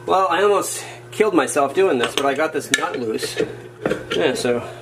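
Over music, a man with a fairly high, expressive voice casually talks through a hands-on project at a moderate pace, indoors at a wooden workbench or floor. Muttering to himself, he makes wry asides about his errors while the camera stays on his hands.

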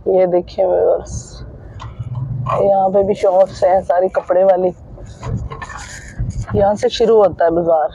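A middle-aged family vlogger films herself on a phone held at arm's length from inside a car on a busy market street, chatting directly to viewers and repeating filler phrases. Her fairly low, creaky, dark-toned voice is flat and a little slow, with frequent pauses and the high frequencies cut off. Faint traffic and vehicle noise sit in the background.

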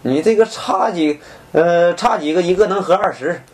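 High-pitched deadpan young man. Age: young adult. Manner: deadpan, mock-expert delivery with drawn-out pauses. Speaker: comic antique appraiser. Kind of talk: mock appraisal comedy skit.

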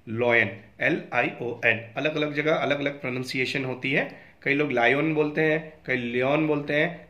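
A man's voice: fairly high pitch, pushed and bright. A male school teacher giving a recorded lesson, mixing Hindi and English and spelling words out letter by letter. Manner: reads book lines slowly and clearly. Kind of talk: recorded online class lesson.

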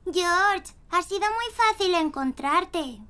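Very high-pitched little girl piglet. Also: expressive, slow, bright, forceful tone, exaggerated voice. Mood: gleeful. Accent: Castilian Spanish. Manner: emphatic, childlike. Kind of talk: children's cartoon dubbing. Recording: music behind the voice.

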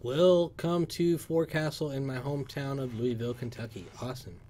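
A man hosting a casual livestream, reading viewer comments and chatting loosely, with sudden loud shouts of excitement. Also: medium pitch, a little fast. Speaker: livestream host. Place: PC workshop.

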